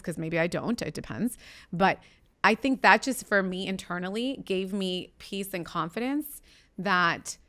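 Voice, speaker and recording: A woman's voice: lowish voice, a bit bright. A woman hosting a podcast interview, telling personal stories in a thoughtful, conversational way with frequent fillers. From United States. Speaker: podcast host.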